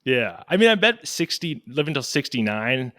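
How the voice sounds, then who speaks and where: A man's voice: medium pitch, very animated, normal speed, bright, forceful tone, dry recording, studio quality. A young man co-hosting a casual podcast, telling facts in a playful, jokey, theatrical way. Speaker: podcast co-host.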